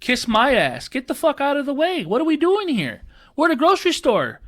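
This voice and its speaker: A man co-hosting a podcast, ranting casually and swearing freely, mocking people in high put-on voices. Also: wildly swooping pitch, brisk, a bit bright. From Chicago area, US. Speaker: podcast co-host. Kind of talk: casual profane rant.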